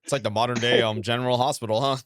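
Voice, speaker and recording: A man's voice: mid-range voice, fairly even intonation, fast, fairly bright tone. A man co-hosting a casual chat, reacting to a story with short replies and laughs. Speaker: podcast co-host.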